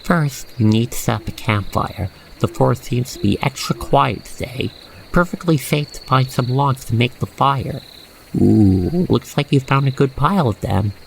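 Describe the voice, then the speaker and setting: Expressive and gravelly at a medium pitch and normal speed, this narrator leads a scripted ASMR roleplay in a calming, playful storytelling style. The audio is rough, with faint noise and crickets chirping in a nighttime insect backdrop.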